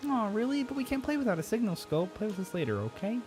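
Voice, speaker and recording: A man voicing an eager little alien child from a video game, begging to borrow something in a high, wheedling kid voice. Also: very animated, fast talker, over music. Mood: pleading.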